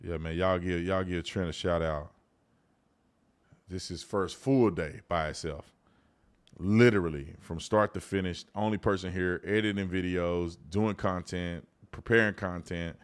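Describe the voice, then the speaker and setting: Speaking at an unhurried pace, a deep-voiced middle-aged man keeps his intonation fairly even while hosting live commentary. He talks to his viewers directly in a relaxed, colloquial way and reads their messages aloud.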